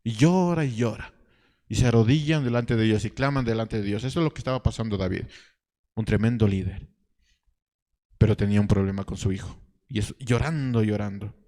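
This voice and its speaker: A man preaching a sermon as pastor, telling a story with rhetorical questions and halting restarts. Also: on the low side, mellow, in a large hall. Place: church hall.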